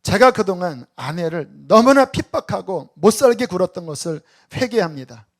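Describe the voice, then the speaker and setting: A man's voice: high-pitched, sing-song, normal speed. Pastor doing an old guy in his 70s confessing, earnest and pleading. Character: humbled elderly man confessing, in his seventies. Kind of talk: sermon storytelling.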